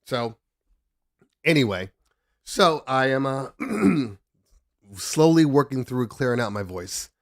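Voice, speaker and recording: A man with a medium-pitched voice full of big pitch swings talks slowly with frequent pauses while setting up his casual DJ livestream at home. He sounds congested, just out of bed, and he rambles, jokes and breaks off mid-thought; the recording is dry and studio-clean.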